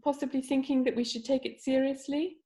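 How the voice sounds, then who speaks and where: A woman interviewer asking questions in a gentle, encouraging, conversational way. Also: high-pitched, level tone, brisk.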